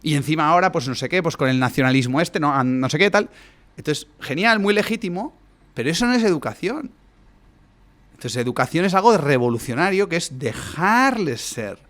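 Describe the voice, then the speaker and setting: A man's voice: on the high side, lively intonation, normal speed, a bit bright. A man, a guest coach explaining his ideas at length in a podcast conversation, often closing points with rhetorical questions. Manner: expansive, lecturing, frequent rhetorical tag questions.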